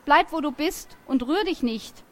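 A woman reading as a gruff wild boy. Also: high voice, lively intonation, unhurried, voice pushed up. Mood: curt. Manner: curt, grumbling. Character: gruff, unfriendly teenage boy living wild in the woods.

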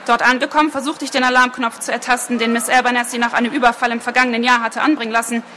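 A woman author reading from her own novel and then answering interview questions with a clear, steady delivery. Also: on the high side, very fast, slight background noise.

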